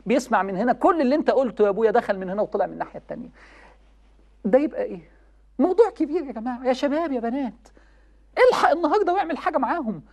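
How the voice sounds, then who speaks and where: Young Egyptian woman preacher, fast, animated, high-pitched, urgent and pleading delivery. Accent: Egyptian Arabic. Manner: impassioned, pleading, addresses the youth directly. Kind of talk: religious talk.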